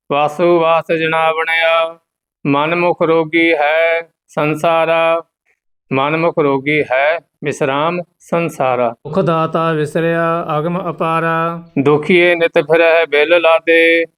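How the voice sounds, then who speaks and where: A man teaching scripture recitation, reading verse line by line at an even pace and stopping now and then to explain where to pause. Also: a little high, clean tone, rough recording. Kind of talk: slow measured scripture recitation with pronunciation notes.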